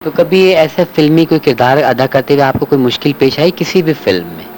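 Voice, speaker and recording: A man's voice: fairly high pitch, lively intonation, darkish tone, slight background noise, low-quality recording. A man interviewing a guest, asking short questions and adding brief agreements.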